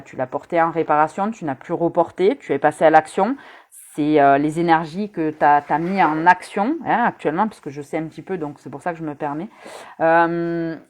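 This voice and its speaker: A woman's voice: deep voice, a little mellow. A woman giving a casual live-stream rune reading, chatty and teasing, talking straight to her viewers with many hesitant fillers. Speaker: rune reader.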